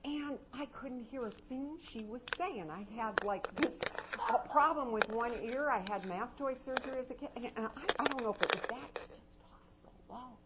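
An older woman giving an animated, anecdotal talk on parenting to a live audience, her voice swinging between soft and loud. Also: fairly high pitch, normal speed, hardly any pauses. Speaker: parenting and education speaker. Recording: dull lo-fi recording with loud noise.

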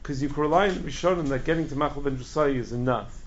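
A man teaches a religious law class informally, his voice a little high and full of creak. He hammers points by repetition and question-and-answer phrasing. The recording is muffled and lo-fi. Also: fast. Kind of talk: informal lecture to a study group. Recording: dull lo-fi classroom recording, background noise.

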